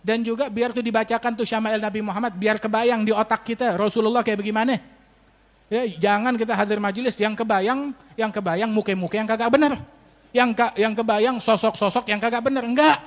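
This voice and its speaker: A male preacher, giving a sermon and telling stories with lively acted-out dialogue. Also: high voice, a little fast. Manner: storytelling, acts out dialogue with rising emphasis. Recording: long hall reverb.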